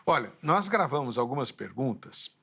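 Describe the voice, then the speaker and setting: A male talk show host with a gravelly edge to his voice. His pitch moves in an animated way as he tells a story. He adds short affirming words in between. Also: moderate pace. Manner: lively storyteller, brief affirming interjections. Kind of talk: conversational interview.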